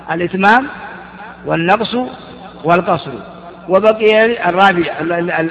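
A man's voice: sits high, fairly bright tone. A man teaching Arabic grammar in class, asking questions and answering them himself with frequent restarts. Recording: dull, reverberant hall recording.

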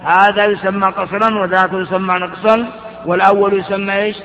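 A man's voice: sits high, little pitch movement, fairly quick, bright, forceful tone. A man teaching Arabic grammar in class, asking questions and answering them himself with frequent restarts. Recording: dull, reverberant hall recording.

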